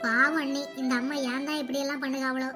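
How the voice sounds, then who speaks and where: A woman's voice: high voice, little pitch movement, quick pace, music in the background, close to an everyday voice. A woman voicing a kind, protective young sister-in-law in a cartoon comedy. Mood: concerned. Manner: gentle, concerned.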